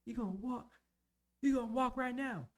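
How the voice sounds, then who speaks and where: A man voicing a loud male military drill instructor who taunts a recruit. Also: very high voice, moderate pace, voice pushed up. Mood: taunting. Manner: yelling, taunting.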